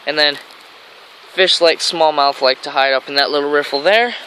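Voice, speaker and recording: Filmed on a handheld camera by a grassy riverbank, this American man narrates a casual fishing vlog in a rambling, excited way. His voice sits fairly high, moves at a moderate pace, and sounds bright and forceful, while the low-quality audio picks up a stream and passing traffic.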